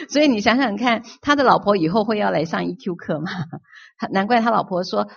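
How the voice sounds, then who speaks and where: A woman's voice: medium pitch, a little fast, vocal fry, breathy edge. A woman teacher giving a chatty lecture, telling anecdotes and asking her audience questions. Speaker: teacher of emotional-intelligence courses. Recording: muffled lo-fi lecture recording.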